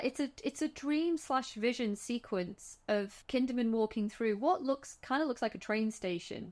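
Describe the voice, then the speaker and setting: A woman co-hosts a relaxed film chat with a middling pitch. She walks through scenes in a chatty, animated way. She often restarts her sentences as she goes. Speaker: podcast co-host. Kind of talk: casual film discussion.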